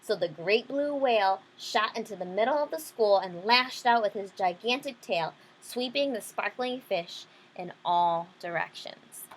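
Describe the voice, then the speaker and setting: A woman's voice: medium pitch, lively intonation, measured pace, hardly any pauses, a little hiss or hum, low-quality recording. A woman reading a children's storybook aloud, adding simple explanations for young listeners. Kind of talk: children's picture-book reading with simple asides.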